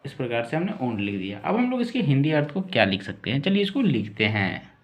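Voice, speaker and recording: A man teaching English words in a slow lesson, spelling each word out letter by letter and repeating it. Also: mid-range voice, very animated, dull audio.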